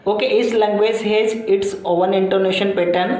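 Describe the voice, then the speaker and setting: A male teacher giving a classroom lecture. He explains in repetitive, circling phrases with many fillers, and reads English lines out slowly before explaining them. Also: high voice, fairly even intonation, darkish tone. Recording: very echoey room.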